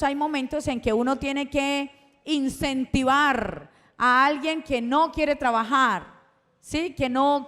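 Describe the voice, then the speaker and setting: A woman preaching a sermon who asks the congregation questions and answers them herself. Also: high-pitched. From Colombia. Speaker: schoolteacher. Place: church hall. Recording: long church hall reverb.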